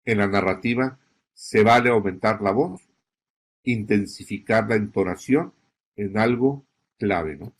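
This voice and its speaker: A man's voice: lowish voice, a little slow. A man lecturing on journalistic narration, checking in with his listeners often and stressing key words. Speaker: journalism instructor. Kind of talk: recorded lecture.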